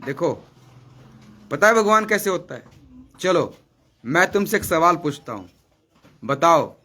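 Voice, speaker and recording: Bright, forceful preaching man. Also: on the high side, sing-song, unhurried, breathy edge. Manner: scolding, asks rhetorical questions; repeats lines for emphasis. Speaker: spiritual speaker. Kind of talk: devotional preaching on a live stream.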